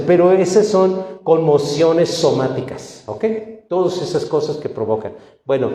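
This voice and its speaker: A male pastor, preaching a sermon in a conversational, animated way, full of rhetorical questions. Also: medium pitch. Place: church hall. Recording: echoey hall with long reverb.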